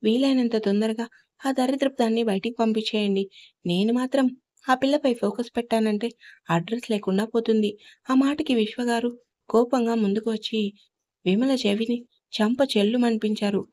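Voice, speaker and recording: A woman storyteller giving a steady scripted narration of an audio story. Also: on the high side, normal speed.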